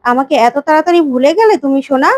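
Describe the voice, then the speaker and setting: A restless male ghost of a murdered man, pleading and brooding, put on by a woman storyteller. The voice sits high and sounds dry and close. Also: expressive, racing, no room sound.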